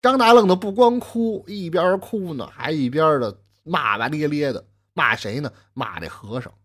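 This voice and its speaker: A man telling a traditional story with lively asides to the listener. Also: fairly high pitch, normal speed.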